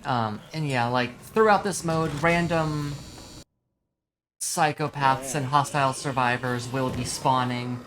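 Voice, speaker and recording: A man's voice: mid-range voice, slow, a bit bright, slight background noise. A man who sounds just woken up, giving casual, sweary live game commentary and explaining as he plays. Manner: informal, sweary, explains as they play. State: groggy, just woke up. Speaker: game streamer.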